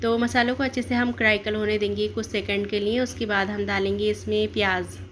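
Woman doing a cooking channel voice-over, calm step by step explaining, medium pitch, little bit of room noise. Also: brisk. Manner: steady instructional, explains each step and options.

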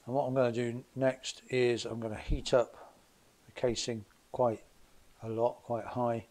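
An English motorcycle mechanic, presenting a hands-on workshop demo, talks through each step of stripping an engine in his basement workshop. His mid-range voice is darkish, with little pitch movement and a measured pace; he's plain and methodical, thinking aloud with small fillers. A camera mic above the bench shows only his hands, and an extractor fan hums faintly behind him.

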